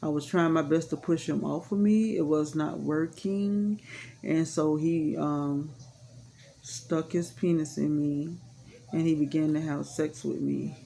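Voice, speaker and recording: A woman's voice: deep voice, steady tone, measured pace, creaky, warm tone, a little hiss or hum. A woman telling a personal story in a casual, rambling way, frank and matter-of-fact, with many fillers. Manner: rambling, full of "you know" fillers; frank and matter-of-fact about hard events.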